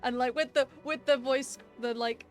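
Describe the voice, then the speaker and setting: A woman streamer chatting casually over her gameplay, playful and giggly, with a fairly high voice. Soft game music sits underneath her. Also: steady tone, moderate pace.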